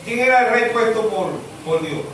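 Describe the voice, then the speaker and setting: A male pastor with a Zulian Venezuelan accent, preaching a sermon in which he swings from high shouted questions to low muttered asides. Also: lively intonation, moderate pace, slight background noise. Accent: Zulian Venezuelan Spanish. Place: church hall. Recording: echoey church hall, mic far off.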